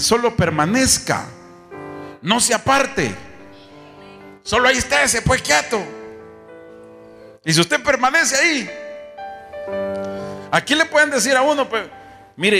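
A man's voice: very high-pitched, sharp tone. A man preaching a sermon, telling folksy stories and acting out conversations with rhetorical questions. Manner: folksy storytelling, acts out dialogue, rhetorical questions. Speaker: apostle preaching.

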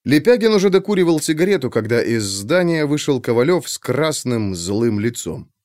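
A man narrating an audiobook in an expressive reading style. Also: medium pitch, moderate pace, no room sound, studio quality.

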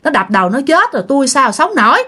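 A desperate mother, played by a woman, begging over and over for her son. She pleads softly and earnestly in a spoken ghost story. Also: high voice, very animated, fast talker, voice pushed up, exaggerated voice. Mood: pleading.

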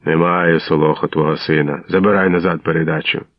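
Man doing a rude tsarist gendarme, mustached, barking, mocking, loud, deep, dry, lo-fi radio sound. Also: steady tone, fairly quick, no room sound. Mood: gruff. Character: coarse mustached male tsarist gendarme, bullying. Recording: dull lo-fi radio recording.

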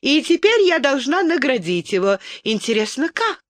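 An audiobook reader voicing a scornful, mocking young noblewoman with a sharp tongue. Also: high voice, very animated, normal speed, no room sound, studio quality, voice pushed up.

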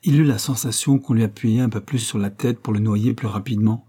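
A man reading a novel aloud as an audiobook narrator, steady and measured. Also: lowish voice, slightly rough. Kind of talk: scripted narration.

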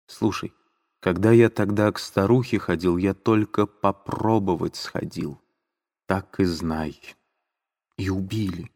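A man voicing a tormented young man who confesses in a grave, slow, heavy way. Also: low voice, gravelly, a little mellow. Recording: long reverb.

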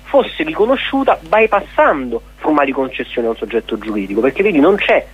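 Talking fairly quickly, this man's slightly rough, somewhat high voice swings widely in pitch. As an interviewee from an occupied cultural centre on a dull lo-fi radio broadcast, he argues his points articulately, leaning on rhetorical questions.

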